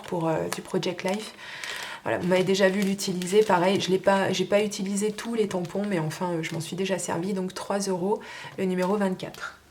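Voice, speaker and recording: A woman's voice: mid-range voice, a little mellow. Woman chatting through her stamp sale, lots of umms, easygoing, faint hiss behind. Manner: hesitant, many fillers; chatty and informal. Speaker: crafter selling her stamps. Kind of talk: casual show-and-tell sale.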